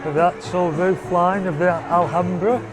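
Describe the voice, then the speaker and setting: In a rough recording with music and crowd noise, a man speaks in a high-pitched voice with fairly even intonation at a moderate pace. He is a family vlog host casually narrating a walk through a theatre's foyer and private box on a handheld camera.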